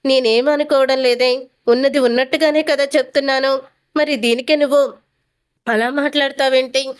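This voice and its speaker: A woman voicing a scheming, sharp-tongued old grandmother who needles her granddaughter. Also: high voice, fairly even intonation, normal speed, lightly acted. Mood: taunting. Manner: mocking, needling.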